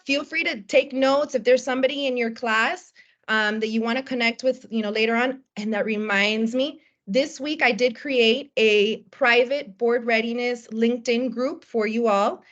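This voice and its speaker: A woman's voice: on the high side, normal speed, fairly bright tone. A woman hosting a video call, upbeat and casual, mixing in Spanish words as she calls on people. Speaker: host. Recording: dull video call audio.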